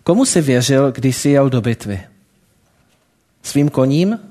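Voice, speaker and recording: A man reading a calm wise old man. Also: medium pitch, pitched above the performer's own voice, close to an everyday voice. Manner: calm, gentle questioning.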